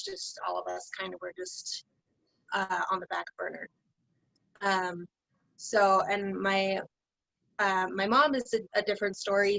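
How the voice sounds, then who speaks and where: A woman panel guest recounts her upbringing in a reflective, matter-of-fact way. Her voice has a gravelly edge, and the recording is dry with no room sound. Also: mid-range voice, fairly bright tone, no echo, poor audio. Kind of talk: personal testimony.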